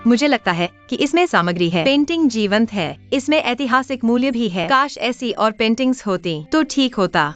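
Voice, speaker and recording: A woman's voice: a little high, lively intonation, moderate pace, few pauses, lightly acted. A woman playing a headstrong, talkative young woman with a breezy way of speaking. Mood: chatty. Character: spirited young sister, headstrong and chatty. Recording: muffled dubbed audio with faint music.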